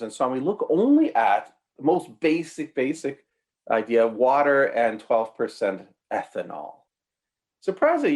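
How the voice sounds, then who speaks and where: Emphatic man preaching an apologetics sermon. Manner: emphatic, with sudden leaps in pitch and shifting pace.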